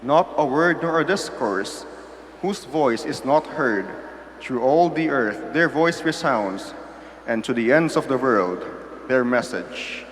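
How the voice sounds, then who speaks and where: A man's voice: medium pitch, expressive, slow. A male lector gives a formal scripture reading in a mid-range voice. Long cathedral echo surrounds him, with slight background noise. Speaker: lector at Mass. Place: large echoing church.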